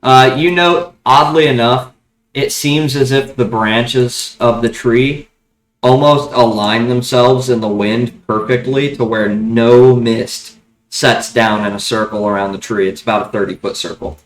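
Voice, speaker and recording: A man's voice: medium pitch, steady tone, a little slow. A man working as game master, narrating a tabletop fantasy game in a casual, conversational way. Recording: roomy, echoing room recording.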